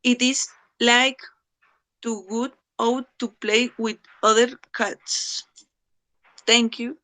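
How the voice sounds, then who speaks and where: A Colombian woman in her twenties, a native Spanish speaker, giving a halting class presentation in simple learner English. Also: on the high side, little pitch movement, pushed and bright. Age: 20s. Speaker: psychology student.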